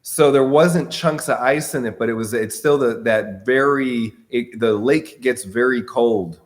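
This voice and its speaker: Slow-paced man hosting a casual chat. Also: mid-range voice. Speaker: podcast host.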